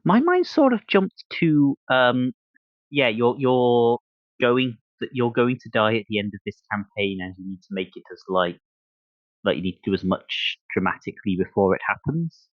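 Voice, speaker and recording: A man hosting a podcast in casual chat, thinking aloud in a halting way. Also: lowish voice, level tone, dry recording, highs cut off. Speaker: podcast host.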